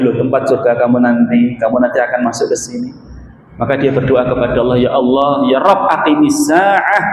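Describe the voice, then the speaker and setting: A man preaching a sermon to a women's study group, animated, often jumping high to act out quoted voices. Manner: animated, acts out quoted voices with sudden high pitch jumps. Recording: echoey hall, faint background noise.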